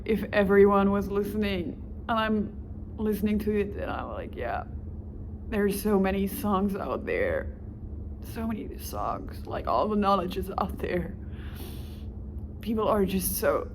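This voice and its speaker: With a German accent and a medium-pitched voice, this woman, a German native speaker, casually presents herself as a volunteer applicant. She wanders, restarts, and slips in small laughs, and there's slight noise in the background.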